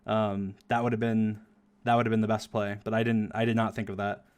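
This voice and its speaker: A man's voice: on the low side, flat delivery, a little fast, clean tone. A young man streaming and talking through his own gameplay video, rambling casually with lots of fillers and laughter. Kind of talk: casual commentary over gameplay.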